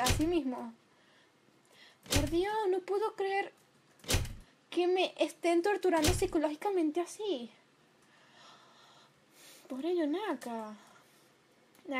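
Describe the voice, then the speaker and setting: A young woman talks over her gameplay in a high voice, reacting emotionally and now and then breaking into loud outbursts. Steady noise from her home setup sits clearly behind her. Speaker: gameplay commentator. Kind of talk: let's play commentary.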